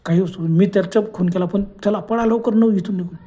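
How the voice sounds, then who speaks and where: A man voicing a frightened but fierce woman in a spoken horror story, speaking urgently and forcefully. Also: sits high, a little fast, natural voice.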